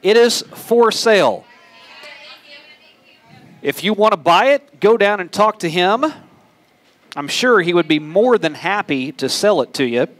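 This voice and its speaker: A man's voice: high voice, animated, a little slow, pauses often, fairly bright tone. An American man working as a motorsport commentator, calling dirt track racing in fluent announcer patter full of racing slang. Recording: noisy outdoor racetrack, engine roar behind.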